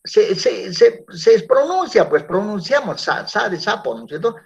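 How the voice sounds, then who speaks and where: A man's voice: sits high, big pitch swings, a little slow, gravelly. A male teacher giving a classroom lecture, often checking in with his students through tag questions. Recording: dull lo-fi classroom recording.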